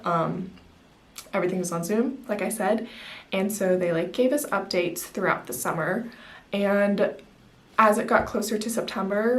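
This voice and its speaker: A young woman with a slightly low-pitched voice speaks as a student vlogger. She explains things casually to camera, in loose, informal sentences that wander a little and are dotted with fillers. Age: early 20s. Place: small music practice room, indoors.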